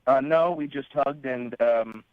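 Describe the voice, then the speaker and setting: A man with a mid-range voice phones in to a radio show, casually recounting things in an earnest, slightly hesitant way at a measured pace. The phone line is dull and lo-fi, with no room sound.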